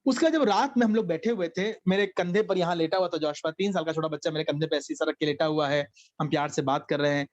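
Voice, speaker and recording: A middle-aged man preaches and tells a story in a fairly high voice. He mixes Hindi with English phrases as he speaks. The sound is a little dull and lo-fi. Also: fast. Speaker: bishop preaching a Bible study. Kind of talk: sermon.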